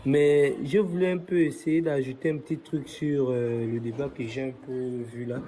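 A man's voice: medium pitch, steady tone, moderate pace, mellow, a little hiss or hum. A man calling into a live religious debate speaks hesitantly, with many "euh" fillers. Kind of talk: casual call-in argument.

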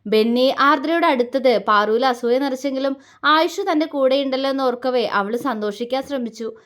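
A woman's voice: sits high, fairly bright tone. A woman from Kerala with a Malayali accent, narrating a romantic family story with feeling and giving the characters' lines their own tone. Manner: reads dialogue with feeling, shifting tone for characters.

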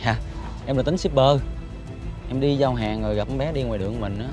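A man playing a kind young delivery man in a short film, speaking gently and reassuringly, with music behind. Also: mid-range voice, a little fast, natural voice. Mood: gentle.

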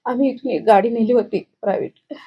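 A woman's voice: a little high, fast talker, breathy edge, lo-fi sound. A middle-aged woman, giving a grieving, urgent account in a news interview. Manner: grieving, urgent, recounting in detail. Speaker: bereaved grandmother interviewed.

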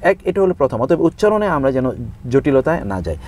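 A man speaking as a religious scholar in an interview, explaining scripture in steady listed points, reciting verses in Arabic and dropping in English words. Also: a little high, fairly quick. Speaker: Islamic scholar guest.

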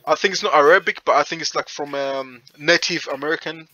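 A man's voice: a little high, fairly quick, sharp tone, muffled recording. A young man from Zimbabwe on a headset in a small room, teasing a stranger in casual video chat, stammering and swearing often.

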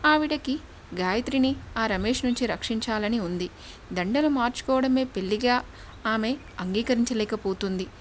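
A woman storyteller reads a dramatic story aloud in a steady, expressive manner. Her voice sits fairly high, and a faint hiss runs beneath it. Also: moderate pace. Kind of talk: scripted story narration.

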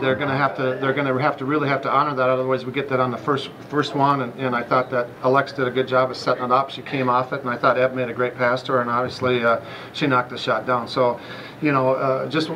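Middle-aged man, basketball coach, quick delivery, monotone, stumbles and repeats words, noisy hallway. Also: mid-range voice. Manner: halting, repeats words while thinking. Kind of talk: post-game interview. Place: school hallway.

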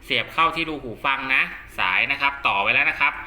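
Hosting a radio gear channel, a man with a medium-pitched, sharp voice talks fast as he works through a hands-on product test. He explains each step casually and reassuringly, like a tutorial, in a roomy, echoing space.

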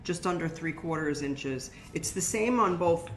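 Her voice is low-pitched and animated, at a measured pace, with slight background noise. She is an older woman who owns a shop and teaches a hands-on craft workshop there, explaining the steps plainly and chattily to "guys" watching. The brick-walled indoor workspace sounds roomy, and faint music plays behind.

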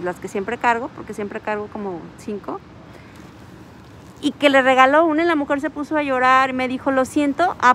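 A Mexican woman with a fairly high voice tells a story into her phone camera while she waits outdoors at a bus stop. She is animated and acts out each line of dialogue. Faint street and traffic noise sits behind her. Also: low-quality recording. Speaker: vlogger. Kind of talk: casual storytelling vlog.

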